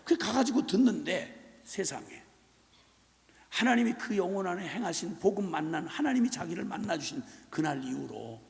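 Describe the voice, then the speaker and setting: A man who is a missionary preacher, delivering an emphatic revival sermon in a church that swings to shouting and scolding. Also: fairly high pitch, vocal fry. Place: church sanctuary. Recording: echoey church hall reverb.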